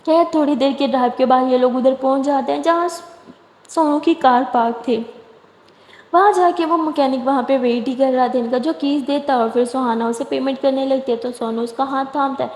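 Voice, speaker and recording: Female storyteller, chatty, high voice, roomy echo. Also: fairly even intonation, a little mellow. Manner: chatty, asides to listeners. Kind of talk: casual spoken story narration. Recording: echoey room with long reverb.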